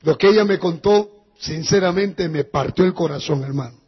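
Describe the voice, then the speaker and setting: Male pastor, high and very raspy, preaching through long church reverb. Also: normal speed, highs cut off, faint music behind. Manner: storytelling preacher, dropping to a hushed voice in sad passages. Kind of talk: sermon.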